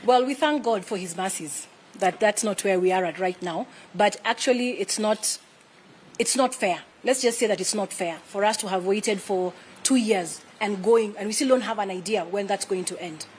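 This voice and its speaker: This spokesperson for a retired president's office, a woman in her thirties with a Kenyan accent, fields press questions in a formal, explanatory manner. She speaks at medium pitch and a moderate pace in a flag-lined indoor briefing room, with slight background noise.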